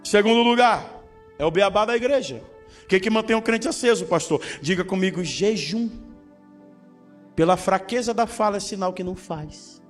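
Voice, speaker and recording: Brief: male pastor, high-pitched, humorous sermon delivery with call-and-response, faint music underneath. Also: a little fast. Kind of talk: preaching a sermon.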